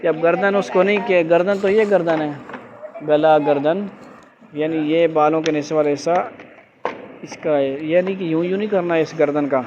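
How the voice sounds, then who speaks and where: A man's voice: on the high side, steady tone. A man teaching a religious class step by step, giving firm instructions and often asking the students whether they understood. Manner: keeps checking understanding with quick questions. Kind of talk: classroom lesson explaining ritual steps. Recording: dull lo-fi classroom recording with faint background hum.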